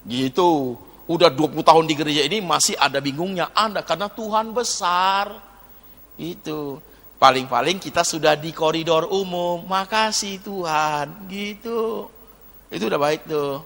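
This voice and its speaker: Male pastor, lively sermon delivery, forceful tone, long hall reverb. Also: fairly high pitch, moderate pace. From Indonesia. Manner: animated preaching, swinging from soft asides to loud exhortation.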